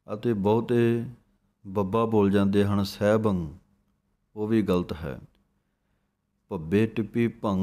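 A man's voice: on the low side, a little mellow. A man with a Punjabi accent teaching careful scripture pronunciation, sounding words out syllable by syllable and then explaining them. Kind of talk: slow, careful recitation lesson.

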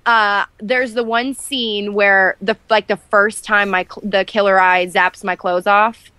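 A woman's voice: mid-range voice, fairly even intonation, unhurried, bright, forceful tone, clear, resonant tone, dry recording. A woman in her twenties, an actress guest chatting candidly in an interview, full of fillers and restarts. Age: 20s. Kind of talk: casual interview chat.

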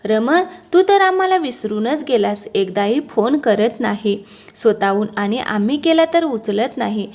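A woman voicing a boisterous young man who ribs his best friend with loud, friendly scolding. The storybook voice is fairly high and energetic, close to her own narrating tone. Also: unhurried. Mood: bantering.

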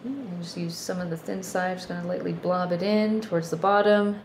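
A woman with a Canadian accent, a painting instructor talking through each brushstroke in a relaxed, step-by-step way. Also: fairly low pitch, brisk. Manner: relaxed, thinking aloud while working. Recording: roomy studio with faint background hum.

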